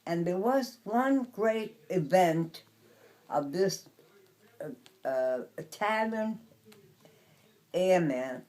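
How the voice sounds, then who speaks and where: A woman in her nineties with a low voice looks back on her past in an interview. She speaks very slowly and haltingly, often repeating a phrase while she searches for the next word. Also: animated, a little mellow. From Brooklyn, New York. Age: 90s. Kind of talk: reminiscing in a casual interview.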